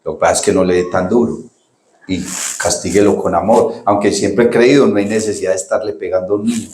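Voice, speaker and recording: A man's voice: sits low, steady tone, fast talker, a little mellow, reverberant. A middle-aged man preaching a sermon, talking to the congregation in a casual, chatty way and calling them brother. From Colombia. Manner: conversational preaching, addresses congregation as "hermano". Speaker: pastor.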